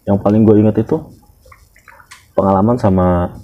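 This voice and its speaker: A man, a security guard telling stories in casual podcast chat, animated and blunt with slang and swearing. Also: fairly low pitch, normal speed. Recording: dull lo-fi recording.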